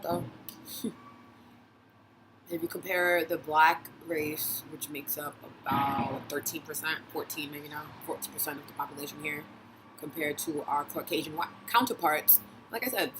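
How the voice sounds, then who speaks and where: A woman's voice: low voice, moderate pace, fairly bright tone, a little hiss or hum, rough recording. A young woman from Brooklyn, giving a passionate, blunt vlog monologue with swearing and frequent laughs. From Brooklyn, New York. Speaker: vlogger and dating blogger. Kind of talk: casual opinion monologue.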